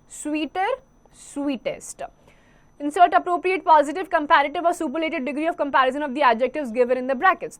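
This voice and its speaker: A woman teacher with an Indian English accent giving a grammar lesson to school students, reading English rules slowly and explaining them quickly in Hindi. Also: high-pitched, a bit bright.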